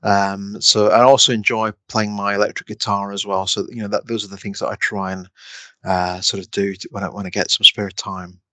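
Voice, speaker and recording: Hesitant man, bright tone. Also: lowish voice, flat delivery, brisk, no echo. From Scotland. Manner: hesitant, many restarts and fillers. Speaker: guest, respiratory consultant. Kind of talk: casual interview answers.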